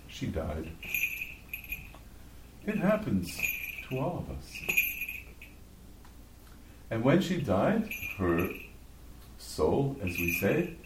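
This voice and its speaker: A man, a bishop, telling a story in a sermon with deliberate, animated delivery. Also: lowish voice, background noise. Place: church. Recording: echoey church from far off.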